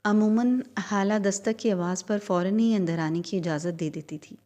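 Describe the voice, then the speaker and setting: Woman narrator, audiobook reading, steady, dramatic delivery. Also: medium pitch.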